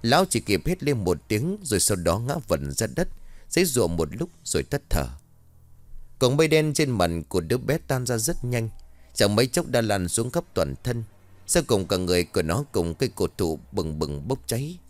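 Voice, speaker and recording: A man narrating a scripted horror story, telling it in a lively way with dramatic swings in his voice. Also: on the low side, no room sound. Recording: dry close mic with faint music bed.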